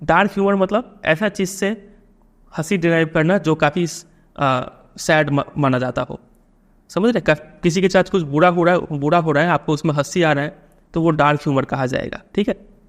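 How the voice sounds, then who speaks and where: An Indian man teaching a poem line by line to his students. His voice sits a little high, and he talks patiently, stopping often to check that they follow. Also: moderate pace.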